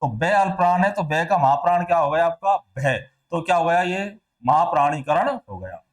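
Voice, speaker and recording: A male teacher with a slightly high, expressive voice talks at a normal speed as he works through test answers. He poses questions and answers them himself, and he repeats sounds and words to show how they are pronounced.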